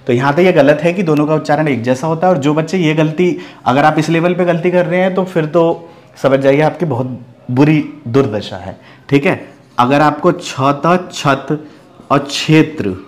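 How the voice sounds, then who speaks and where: A man from Bihar teaches an online grammar lesson, his voice sitting a little high for a man. He walks through each point methodically, posing rhetorical questions and checking in with a frequent "okay". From Bihar, India. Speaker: Hindi teacher.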